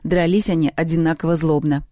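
A narrator reading a children's story aloud in an even storytelling way. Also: medium pitch, brisk, no room sound, clean studio sound. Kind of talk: audiobook reading.

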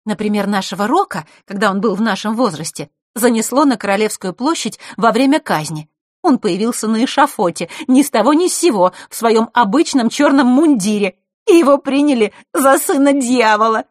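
A woman's voice: on the high side, expressive, brisk, no echo, clean studio sound, pitched above the performer's own voice. A woman voicing a proud, hot-tempered girl from a family of timekeepers, talking sharply and bossily. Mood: lively. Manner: sharp, bossy, snorting retorts.

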